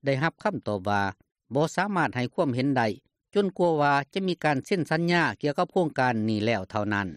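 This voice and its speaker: A male news reporter with a Lao accent reads a script in a fairly high voice. His intonation is very animated, and the sound is dry and close. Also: dry recording.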